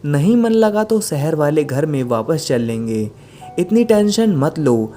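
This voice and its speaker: A man's voice: on the high side, slow pace, soft background music. A man doing a cheerful, coaxing father. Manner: coaxing, relaxed. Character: cheerful easygoing father of two.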